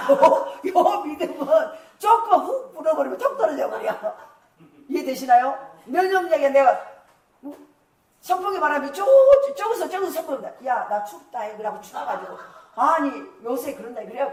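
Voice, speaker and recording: Emphatic woman pastor preaching in an echoey hall. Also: high-pitched. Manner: emphatic, laughing often, acts out quoted prayers. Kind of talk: revival sermon. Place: church sanctuary. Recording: echoey church hall, mic far off.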